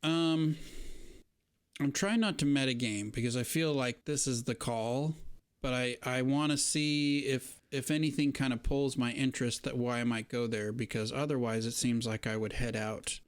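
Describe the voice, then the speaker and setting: A man's voice: medium pitch, steady tone, normal speed, clear, resonant tone, no room sound. A young man playing a tabletop game, chatty and thinking aloud about his moves. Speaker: player.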